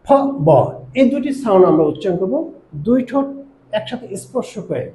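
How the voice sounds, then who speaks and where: A Bangladeshi male teacher walks students through pronunciation in a measured, step-by-step way, with frequent "ah" pauses. His voice sits high but sounds mellow. The recording is roomy, with a faint hiss underneath. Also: animated. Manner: slow, step-by-step explaining with pauses and "ah" fillers. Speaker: English teacher. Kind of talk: pronunciation lesson.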